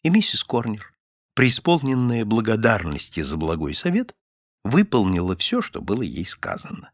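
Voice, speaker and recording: Male audiobook narrator, animated, crisp close sound. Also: fairly low pitch, normal speed, no room sound. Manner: expressive, varied reading. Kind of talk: audiobook reading.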